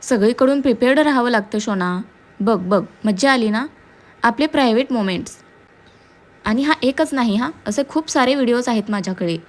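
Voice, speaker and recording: A woman's voice: fairly high pitch, lively intonation, brisk, close to an everyday voice. A woman voicing a scheming, vengeful young woman who taunts her victim in a sing-song, mocking way. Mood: gloating. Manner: taunting, sing-song mockery mixed with English.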